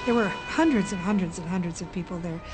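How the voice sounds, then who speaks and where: A woman's voice: fairly low pitch, fast, music in the background, low-quality recording. A woman giving a candid, conversational documentary interview about past events.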